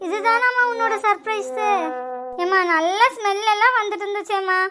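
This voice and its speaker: A woman's voice: very high voice, normal speed, sharp tone, soft background music. A woman voicing a picky whiny cartoon girl. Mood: complaining. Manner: complaining, whiny. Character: fussy young girl, picky daughter. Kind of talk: cartoon voice acting.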